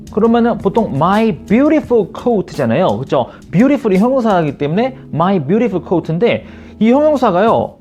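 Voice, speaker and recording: A man teaching English grammar to Korean viewers, reading example sentences slowly and checking in with rhetorical questions. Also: high-pitched, a little mellow. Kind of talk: video English lesson.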